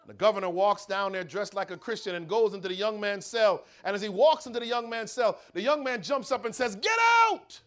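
High-voiced preacher telling a dramatic story. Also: male voice, a little fast, hardly any pauses. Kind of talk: sermon.

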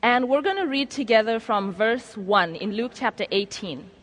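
A woman preaching a sermon, praying earnestly and then leading a scripture reading in a soft-spoken way. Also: a little high, lively intonation, normal speed.

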